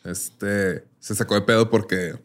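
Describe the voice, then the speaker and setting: A young man with a Mexican Spanish accent, co-hosting a podcast in relaxed, slangy chat and telling stories with lively put-on voices. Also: lowish voice, a little slow. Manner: relaxed slangy storyteller, bursts of animated impressions. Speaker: podcast co-host. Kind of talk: casual chat.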